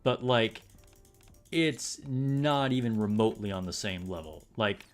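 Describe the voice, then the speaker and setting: A man's voice: on the low side, lively intonation, a little slow, faint music behind. A man streaming a game, chatting casually with viewers in a laid-back, rambling way full of fillers. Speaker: gaming streamer. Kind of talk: casual live-stream chat.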